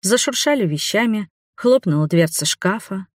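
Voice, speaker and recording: A young adult woman narrating a first-person audiobook in an even storytelling manner. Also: mid-range voice, moderate pace, no echo, studio quality.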